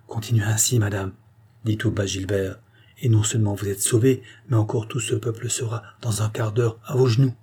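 A man voicing a calm doctor who speaks softly and quietly in a storybook reading. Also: lowish voice, brisk, breathy edge. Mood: reassuring. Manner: soft, quiet and gentle.

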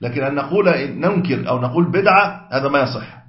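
A man's voice: mid-range voice, animated, quick pace, noisy background. A man teaching a religious law lesson, explaining step by step and correcting his own wording as he goes, on a dull, echoey lo-fi recording. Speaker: sheikh teaching Islamic law. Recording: echoey room, dull lo-fi sound.

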